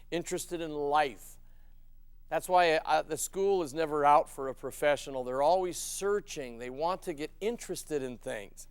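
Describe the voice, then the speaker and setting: A man's voice: a little high, smooth, no echo. An older man giving a folksy, emphatic motivational sales lecture, asking his listeners questions as he goes. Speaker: sales trainer.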